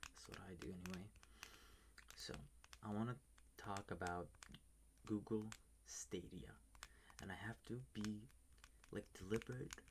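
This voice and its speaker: A man's voice: on the low side, creaky, background noise. A man whispering close to the mic, ranting casually and swearing often in a homemade ASMR video at home at night. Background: faint keyboard tapping and clicks.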